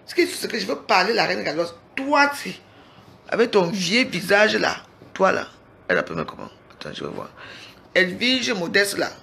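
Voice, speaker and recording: A woman's voice: medium pitch, big pitch swings, normal speed, vocal fry, fairly bright tone, a little hiss or hum. A woman in an angry, confrontational livestream rant, recorded on a phone and hammering at her target with repeated challenges. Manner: confrontational, repeatedly demanding "you hear?".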